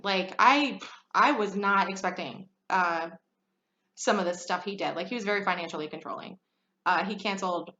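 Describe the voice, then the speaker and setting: A woman in her thirties hosts a podcast, talking candidly about her own life in a mid-range, pushed, bright voice. She is chatty and frank, with many fillers and frequent laughter. The room is echoey and the sound slightly dull.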